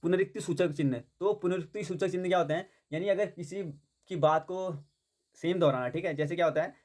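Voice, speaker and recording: A man with a fairly high voice teaching an exam-prep grammar lesson. He keeps posing questions and answering them himself, going back over each point. He checks in with a steady "theek hai" and drops English words into his explanations. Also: fairly quick. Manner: mixes English words into Hindi.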